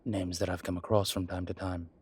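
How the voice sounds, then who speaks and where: In an intimate audio roleplay, a man voices a suave, wry incubus demon professor, his husky voice broken by hesitant pauses. The voice sits low, level and darkish in tone, and he explains things in a measured way.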